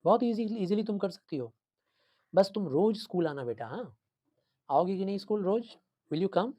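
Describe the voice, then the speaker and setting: A man voicing a kind, soft-spoken woman schoolteacher, raised high and bright above his usual voice, coaxing and encouraging a shy child with lively, sing-song praise. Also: normal speed.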